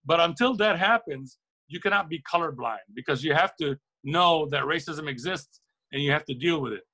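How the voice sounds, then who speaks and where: The recording is rough, and the man's voice is on the high side and sharp, at a normal speed. He's a middle-aged Lebanese interview guest who runs a record shop, speaking earnestly and thoughtfully with strong opinions, often saying things twice or in new words for emphasis.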